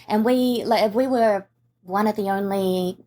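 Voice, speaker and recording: A woman with a New Zealand accent, a costume maker talking in a casual, relaxed interview and often saying "yeah". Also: mid-range voice, unhurried, a little hiss or hum. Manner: relaxed, agreeable, frequent "yeah" affirmations.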